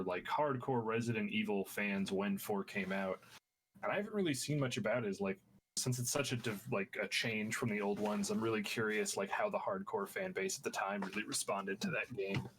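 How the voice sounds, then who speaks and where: A man co-hosting a casual podcast, curious and quick, telling loose stories. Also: fairly low pitch, fairly bright tone, slight background noise. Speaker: podcast co-host. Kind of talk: casual chat.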